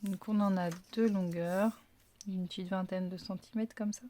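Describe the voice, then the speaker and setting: A woman's voice: mid-range voice, steady tone, moderate pace, dark tone, a little hiss or hum. A woman hosting a casual craft unboxing video, thinking aloud with lots of fillers and apologetic self-corrections.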